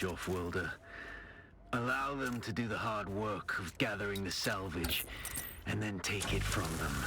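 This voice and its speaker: A ruthless desert guide in a video game. He speaks low and grave, in measured, deliberate phrases. Steady noise hums behind him. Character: stern male desert guide, grim and ruthless. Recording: clear background noise.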